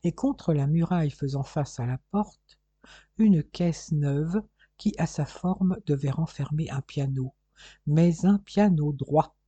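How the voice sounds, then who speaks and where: An audiobook reader narrating a detective novel in a measured, even way. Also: mid-range voice, breathy edge, dry recording, lo-fi sound.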